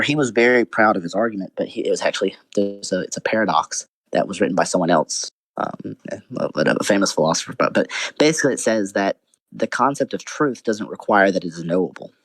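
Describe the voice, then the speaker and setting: A man's voice: on the low side, a little fast, no echo. A young man in a casual philosophical debate over voice chat, thinking aloud with frequent restarts, fillers and hedging.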